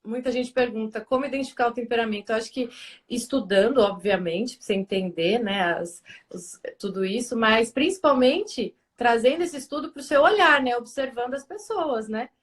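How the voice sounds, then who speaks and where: A woman hosts a relaxed conversation and thinks aloud as she goes, circling back on her words. Her voice sits a little high for a woman. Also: moderate pace. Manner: chatty, thinks aloud with fillers. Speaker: host. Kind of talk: casual chat.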